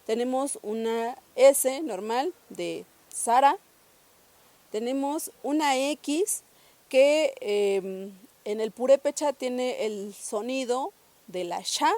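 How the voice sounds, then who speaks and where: A woman's voice: on the high side, slow, dark tone, dry recording. A young woman from Mexico, patiently teaching a pronunciation lesson and repeating each sound several times. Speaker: language teacher.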